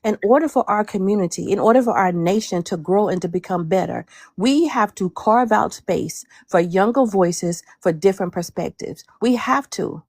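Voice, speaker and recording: A woman on a panel gives a measured opinion, stressing words by repeating them. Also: medium pitch, darkish tone, no room sound. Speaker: panel guest. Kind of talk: casual panel discussion.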